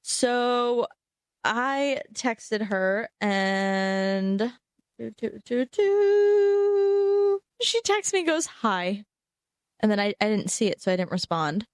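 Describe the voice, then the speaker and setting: Lively young woman podcast co-host. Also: fairly high pitch, slow pace, dry recording, clean studio sound. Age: 20s. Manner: animated storyteller, laughs often. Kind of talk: casual chat.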